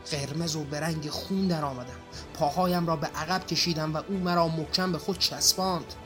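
High-voiced man reading with intense drama. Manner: intense, theatrical, moving between hushed and anguished. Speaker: reader.

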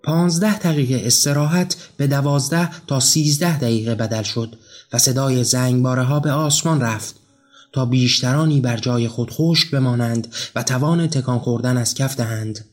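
A man reads a literary story aloud in a measured, somber voice of ordinary pitch. Soft music plays faintly under his narration.

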